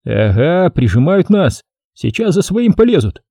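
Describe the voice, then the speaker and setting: Man doing a cocky riot cop, gruff, crude, teasing, raised voice. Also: a little high, sing-song, normal speed, dark tone, dry recording, studio quality, voice pushed up. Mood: mocking. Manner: gruff, mocking, swearing. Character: rough, cocky male riot-police fighter.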